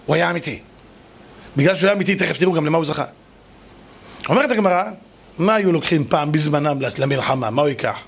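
A man, a rabbi, telling a story in a lively sermon, slangy and addressing his listeners directly. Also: on the high side, gravelly, pauses often, breathy edge. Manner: animated, slangy, talks to the audience. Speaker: rabbi, preacher.

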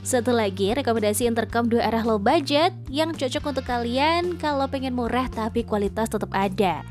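A woman voices a scripted promotional product review, chatty and persuasive. Her pitch is fairly high, her delivery expressive and fairly quick. It's a studio voice-over with background music running beneath it.

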